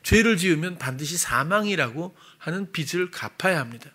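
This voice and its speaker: A middle-aged male pastor preaching a sermon in a conversational way, working through sums aloud with fillers and self-corrections, rising louder on key points and dropping soft again. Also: animated, moderate pace. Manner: swells louder and higher on key gospel points, then drops soft.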